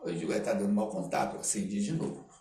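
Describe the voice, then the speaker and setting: An older podcast guest with a Brazilian accent, a theatre artist and writer, talks fast in a lowish, warm voice. He shares animated anecdotes in casual conversation, acting out dialogue and often checking in with short tag questions. The sound is echoey and faintly noisy, from a distant mic.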